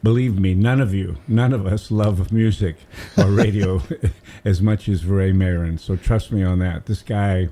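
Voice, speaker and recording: With a low, steady, dark voice that runs a little slow, an older man from Massachusetts rambles happily through stories as a guest DJ in relaxed studio talk, humming tunes along the way.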